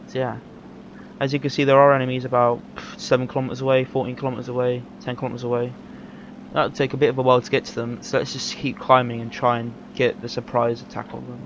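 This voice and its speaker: A man's voice: medium pitch, monotone, fast, fairly bright tone. Rambling man commentating gameplay. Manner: rambling, self-correcting, easygoing. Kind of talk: casual live gameplay commentary. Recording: dull lo-fi mic with game noise. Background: game engine and vehicle noise.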